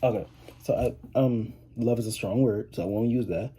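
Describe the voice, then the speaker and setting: A man's voice: fairly low pitch, moderate pace, mellow, husky. An eighteen-year-old man chatting casually to camera as a vlogger, rambling with lots of fillers and restarts. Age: 18, teenager. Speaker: vlogger, high school student.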